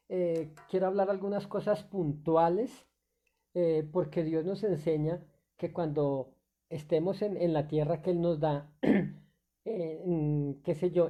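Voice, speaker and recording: A male pastor delivering an unscripted sermon. His voice is dark and mellow, and he keeps throwing rhetorical questions at his congregation. He restarts phrases often and fills pauses with "eh.". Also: on the high side.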